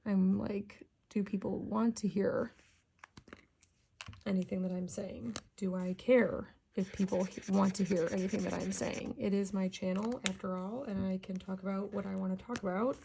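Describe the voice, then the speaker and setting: A coloring-channel host chats at a moderate pace while she colors at home, her medium-pitched voice raspy and gentle. She sounds relaxed yet a touch self-conscious and often lowers to a half whisper, with a slight hiss or hum audible.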